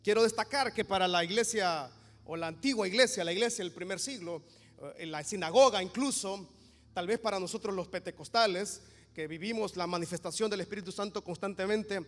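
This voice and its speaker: High-voiced pastor preaching. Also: male voice. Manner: animated, joking asides, rises to loud proclamation. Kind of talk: Pentecostal sermon. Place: church. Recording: reverberant church hall.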